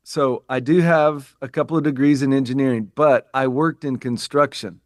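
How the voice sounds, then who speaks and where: An American business coach appears as a podcast guest in a conversational interview, sounding earnest and reflective. His medium-pitched voice has fairly even intonation and a normal pace, and he often restarts and repeats phrases. The recording is studio quality with no room sound.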